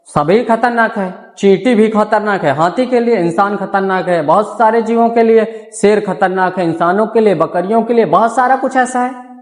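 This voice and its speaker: A man teaching a maths class in Hindi with a Hindi accent, dictating note points word by word, repeating them, and checking whether students follow. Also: sits high. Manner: dictates slowly, repeating words for notes; asks students rhetorical checks. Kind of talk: classroom lecture.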